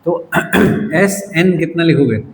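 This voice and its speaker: A man's voice: fairly high pitch, lively intonation, slow pace, creaky. Man teaching physics in an echoey classroom. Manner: quizzing students, teasing and casual. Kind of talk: classroom lecture. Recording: echoey room with faint noise.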